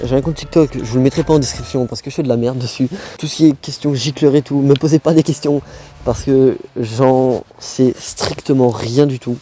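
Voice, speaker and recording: A man's voice: mid-range voice, warm tone. A young man chats informally and slangily to viewers, as a motorbike vlogger outdoors. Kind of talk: casual vlog chat. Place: outdoors in a quiet wooded spot.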